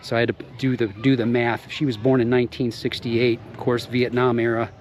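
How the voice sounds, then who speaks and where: A man, chatting casually outdoors as a travel vlogger and rambling with frequent pauses. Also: mid-range voice, little pitch movement. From Ohio, United States. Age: 50s. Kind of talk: casual travel vlog narration. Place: outdoors in a city.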